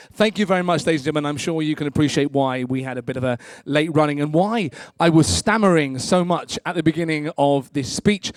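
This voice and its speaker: A man's voice: a little high, dry recording, studio quality. British male cruise director, theatrical and courteous. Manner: theatrical, courteous showman delivery. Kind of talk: presenting and telling anecdotes to an audience.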